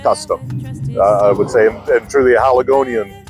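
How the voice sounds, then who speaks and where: A man's voice: medium pitch, brisk, a little mellow, soft background music. A man from Halifax talks easily and proudly about local customs of helping strangers. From Halifax, Nova Scotia. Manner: easygoing, proud of home.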